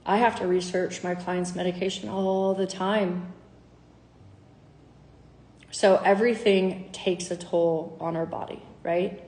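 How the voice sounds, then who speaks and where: A woman's voice: fairly low pitch, level tone, slow pace, long pauses, a little mellow, roomy sound. A woman health coach in candid, casual talk to her followers, acting out conversations with clients. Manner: chatty, candid, acts out dialogue.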